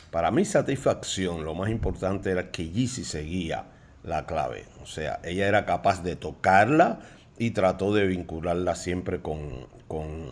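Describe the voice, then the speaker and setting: A man, fondly recalling his daughter's childhood with some halting pauses. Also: low-pitched, darkish tone. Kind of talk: interview recollection.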